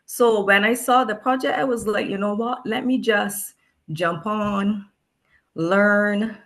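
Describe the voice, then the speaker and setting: Here the Barbadian special education teacher speaks slowly in a mid-range voice with a steady tone. She is a thoughtful guest in a reflective discussion, frequently repeating words as she hunts for the right ones.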